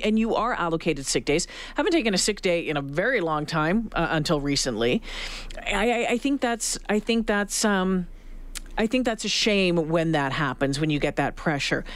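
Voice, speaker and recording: A woman's voice: on the low side, expressive, moderate pace. A middle-aged woman hosting a conversational radio show, stressing points by repeating herself. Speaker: radio host. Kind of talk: conversational talk radio discussion. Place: dry broadcast studio.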